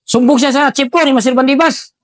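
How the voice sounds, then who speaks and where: A middle-aged man tells war stories in an animated way and acts out the voices of the people he quotes. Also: very high voice, fairly quick, no echo. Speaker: retired army officer telling war stories. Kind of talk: storytelling, acting out dialogue.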